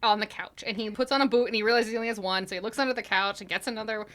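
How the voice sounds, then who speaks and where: A woman's voice: medium pitch, fairly even intonation, very fast, a bit bright. A woman co-hosting a podcast, casually recapping a movie scene by scene and acting out the characters' lines. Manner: recounts scenes, acts out quotes. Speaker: podcast co-host.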